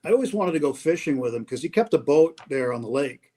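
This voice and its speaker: Quick and animated, this man speaks in a fairly high pitch. A radio play-by-play announcer appearing as a guest over video, he tells casual stories about his colleagues, warmly reminiscing and starting over at times.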